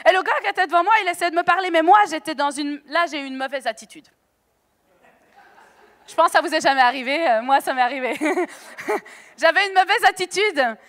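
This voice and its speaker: A woman preacher telling a lively testimony sermon, chatty and animated, acting out dialogue with bursts of laughter, on a stage microphone in a church hall. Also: high-pitched, fairly quick, long pauses. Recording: long echo of a church hall.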